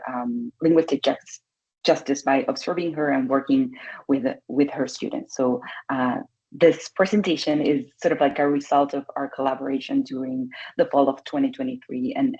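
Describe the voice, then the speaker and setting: A low, husky woman's voice, presenting her research over a video call. She stumbles a little, filling pauses with "uh" and repeating words as she goes. The sound is dull and lo-fi. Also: steady tone, warm tone. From Argentina. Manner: hesitant, with frequent "uh" and repeated words. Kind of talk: webinar presentation.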